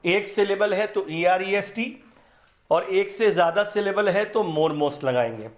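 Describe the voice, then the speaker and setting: A man with a high voice teaches grammar in a patient, explanatory way. He repeats words slowly to break them into syllables. The room around him is echoey. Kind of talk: explanatory lesson in Hindi.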